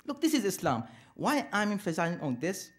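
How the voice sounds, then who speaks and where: A man's voice: high-pitched, wildly swooping pitch, brisk. A man speaking at an interfaith program, lecturing a live audience and asking rhetorical questions that he answers himself. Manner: emphatic, preacherly. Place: community center event.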